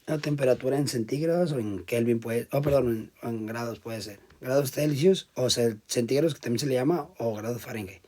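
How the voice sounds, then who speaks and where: At a fairly quick pace with few pauses, a medium-pitched male teacher delivers a classroom lecture. He builds the material step by step, keeps checking in with students, and alternates loud emphasis with quieter asides.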